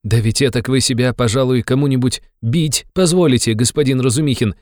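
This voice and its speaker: A man's voice: fairly low pitch, moderate pace, a little mellow, no room sound, studio quality, pitched above the performer's own voice, natural voice. A man voicing a sick, irritable young man who speaks with cold, strained bitterness. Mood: bitter weary.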